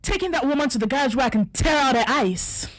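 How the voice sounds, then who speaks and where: A woman's voice: sits high, lively intonation, fast talker, no echo, clean studio sound. A woman dubbing a telenovela, playing a proud, furious middle-aged mother who makes theatrical threats. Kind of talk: dubbed telenovela acting.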